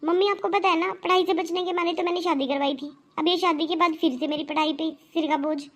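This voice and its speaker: A woman's voice: very high voice, fairly even intonation, fast. A woman voicing a spoiled young bride in a cartoon, whining and stubborn about chores and study. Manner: whiny, complaining. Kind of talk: cartoon voice acting.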